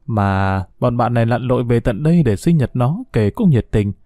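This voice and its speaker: Mellow calm male storyteller. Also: mid-range voice, moderate pace, no room sound, studio quality. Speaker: narrator. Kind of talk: first-person story narration.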